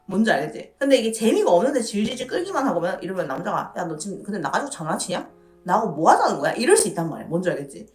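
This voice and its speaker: A woman giving casual dating advice on a stream, playful and chatty, often acting out quoted lines. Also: medium pitch. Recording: roomy echo with faint music behind.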